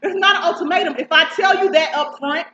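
A woman's voice: extremely high pitch, quick pace. A woman, a guest in a casual barbershop debate, arguing emphatically and laughing as she talks. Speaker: panel guest. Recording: echoey, muffled, faint hiss.

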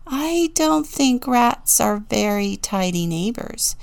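A woman's voice: mid-range voice, lively intonation, a little slow, creaky. A woman doing a fussy, bossy sheep. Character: fussy tidy-minded sheep neighbor.

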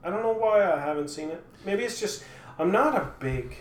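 A man co-hosting a podcast in casual chat, easygoing and halting. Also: high-pitched, lively intonation. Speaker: podcast co-host. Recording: echoey room with faint noise.

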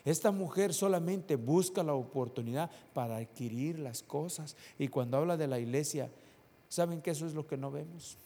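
A man preaching a sermon to his congregation, asking rhetorical questions and swinging between loud and soft. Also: a little high, normal speed. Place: church hall. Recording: long hall reverb.

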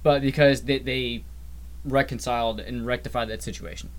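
Medium in pitch, steady in tone, and at normal speed, this man co-hosts a podcast of casual gaming chat. He rambles loosely through explanations of game patch changes, frequently trailing off.

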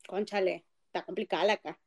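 A woman's voice: fairly low pitch, fairly even intonation, a little fast. A young woman with a Venezuelan accent, chatting casually and teasing her friend during a word game. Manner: teasing, laughs often.

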